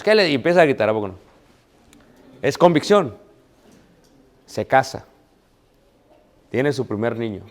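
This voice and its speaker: A man delivers a sermon as a preacher, mid-pitched for a man. He keeps it conversational, acting out quoted dialogue in his stories and asking the congregation rhetorical questions.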